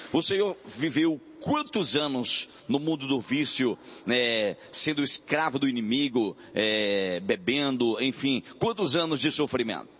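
A man's voice: medium pitch, a bit bright, husky, dull audio. A man hosting a religious radio program, emphatically summing up a guest's story for the listeners. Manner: preachy, emphatic, sums up for the listeners. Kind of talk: radio interview.

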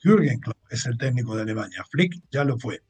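A man with a Mexican Spanish accent hosts a football show in a casual sports commentary monologue, chatting through upcoming matches, translating clips, and giving blunt opinions in a chatty, talky way. His mid-range voice is a little mellow and a little fast, with big pitch swings and a breathy edge.

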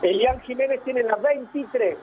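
A man slowly reading out a team's lineup on a live sports radio show. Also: very high voice, narrow, tinny audio, a little hiss or hum. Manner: slow, deliberate listing.

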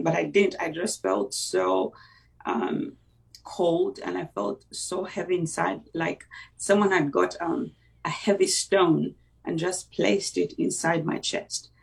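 In conversation, an interview guest talks through his personal faith testimony in a gravelly, mid-range voice captured from a distance. He comes from Uganda and speaks Luganda as his first language. His delivery is reflective and halting, full of fillers and restarts.

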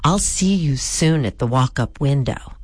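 A woman's voice: extremely low pitch, expressive, measured pace, breathy edge, dry recording. A woman hosting a radio food show, interviewing guests with enthusiastic, savoring descriptions.

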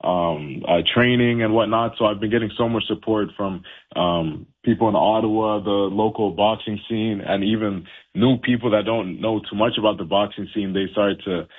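A young professional boxer from Haiti talks casually in an interview over a tinny phone line. His voice is lowish and husky at a moderate pace, and his laid-back speech is full of fillers and restarts.

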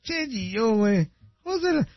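A man's voice: very high voice, very animated, a little slow, husky, no room sound. A man hosting a radio show, teasing callers and swearing playfully. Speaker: radio host. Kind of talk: loud joking radio banter. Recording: dull, lo-fi studio sound, dry.

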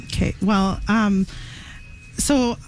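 A middle-aged woman from Iraq, a council candidate, answering interview questions earnestly with many pauses and fillers. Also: medium pitch, steady tone, a little mellow, soft background music, poor audio. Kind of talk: radio interview guest.

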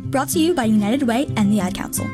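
A woman reading a scripted public service appeal in an earnest, measured way. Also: a little high, animated, over music. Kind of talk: scripted radio appeal narration.

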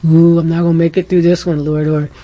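Older woman with a dark, husky voice. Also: deep voice, little pitch movement, fast. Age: 70s. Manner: rambling, storytelling with laughs and self-corrections. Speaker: radio guest.

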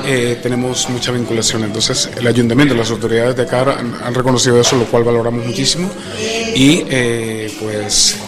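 A Venezuelan man with a Venezuelan accent, giving an earnest, measured radio interview and pausing to find his words. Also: mid-range voice. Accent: Venezuelan Spanish. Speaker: interviewee, community association member.

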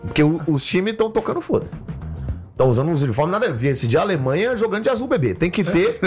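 Man, casual radio banter, high voice, swings up and down, fast, faint music behind. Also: breathy edge. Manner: excitable, slangy, swears freely.

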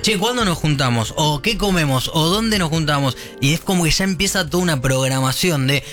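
A man's voice: a little high, expressive, a little fast, a bit bright, faint music behind. A man with an Argentine accent hosting an evening radio show, chatting loosely with many fillers and restarts. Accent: Argentine Spanish. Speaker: radio host. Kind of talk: casual radio chat.

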